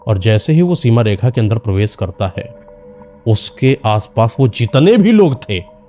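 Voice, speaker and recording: A man's voice: lowish voice, sing-song, a little slow, darkish tone. Male narrator telling a horror tale. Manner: dramatic, suspenseful. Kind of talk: storytelling. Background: background music.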